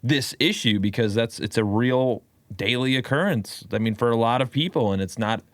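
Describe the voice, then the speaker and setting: A man co-hosting a podcast in casual chat, halting and repeating words as he thinks. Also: mid-range voice, no echo. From United States. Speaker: podcast co-host.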